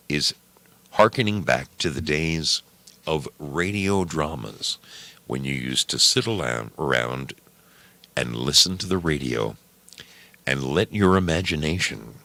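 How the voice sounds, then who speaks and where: This man's extremely low voice is bright and forceful, recorded with no room sound. He hosts a radio show, chatting casually live with listeners. Folksy and theatrical, he treats them as friends and dear brothers.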